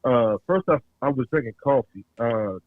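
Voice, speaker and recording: Caller: a man on a thin phone line, halting and rambling, dry close sound. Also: mid-range voice, expressive, dry recording. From North Carolina. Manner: halting, rambling, many pauses. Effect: heard over a phone line. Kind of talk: casual call-in chat.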